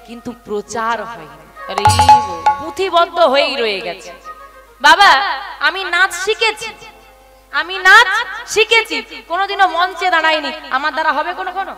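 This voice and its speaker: A woman kirtan singer and preacher giving a devotional sermon to seated listeners. She asks the crowd rhetorical questions, calls them "baba", and chants scripture verses in a sing-song lilt. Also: high-pitched. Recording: music playing behind speech. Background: devotional music.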